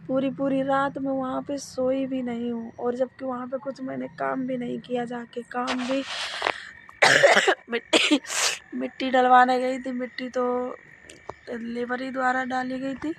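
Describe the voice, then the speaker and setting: A hoarse woman, clearly unwell, talks casually into her phone outdoors while walking. Her voice is gravelly, somewhat high and monotone, and she coughs often and sounds tired. Faint evening ambience sits in the background. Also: measured pace, slight background noise. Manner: straining to speak, tired. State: hoarse, sick with cold and cough. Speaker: vlogger. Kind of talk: casual vlog chat. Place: village road outdoors at dusk.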